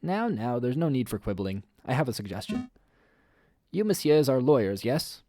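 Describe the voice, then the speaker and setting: A man voicing a calm, businesslike male doctor in a lowered, measured voice. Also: faint music behind, natural voice. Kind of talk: reading game dialogue aloud.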